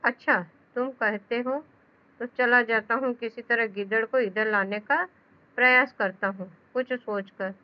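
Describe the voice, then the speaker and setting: A woman's voice: on the high side, steady tone, unhurried, no echo, close to an everyday voice. A woman reading aloud the lines of a clever male turtle who is a caring friend in a children's story. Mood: friendly. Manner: reads in a plain, explanatory voice. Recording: dull lo-fi sound.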